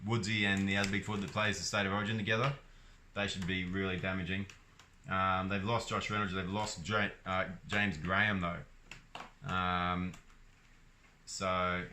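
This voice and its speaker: Aussie guy rambling about footy on his vlog, kinda low voice, lots of ums. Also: pushed and bright, a little hiss or hum. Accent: Australian. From Australia. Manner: rambling, hesitant, with many ums and restarts. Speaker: sports vlogger. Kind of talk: casual solo vlog.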